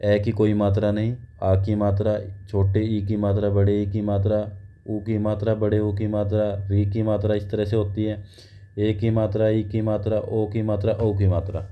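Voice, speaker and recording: A man's voice: on the low side, monotone, normal speed. A man giving a grammar lecture, explaining step by step and asking and answering his own questions. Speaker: teacher. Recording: dull lo-fi recording.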